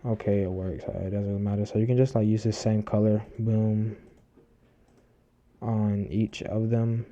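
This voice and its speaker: This tutorial host is a man whose lowish, dark voice stays level at a moderate pace. He chats loosely over a screen recording, full of fillers and false starts, breathing hard into a close desk microphone on a lo-fi recording.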